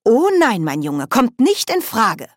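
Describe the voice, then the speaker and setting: A woman reading an audiobook, voicing a bawdy, cheerful old witch in a loud, hearty, raised voice. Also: a little high, huge pitch swings, measured pace, no room sound, clean studio sound, pitched above the performer's own voice, full character voice. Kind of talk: audiobook character voice.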